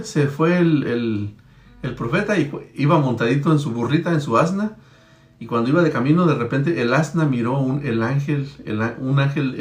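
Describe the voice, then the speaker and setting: A man's voice: mid-range voice, echoey room. A man preaching, retelling Bible stories in a conversational, storytelling way and checking in with his listeners. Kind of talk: Bible-teaching sermon.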